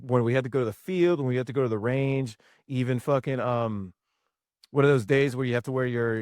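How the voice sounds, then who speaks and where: A young man who used to be a military mechanic tells stories in casual podcast chat, swearing freely and animatedly. His mid-range voice is recorded at studio quality with no echo.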